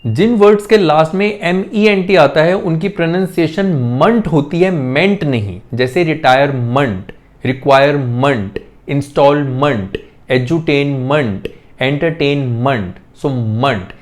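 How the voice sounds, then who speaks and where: A man teaching English pronunciation in an online lesson. He explains in Hindi mixed with English and says example words slowly, repeating each one. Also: a little high.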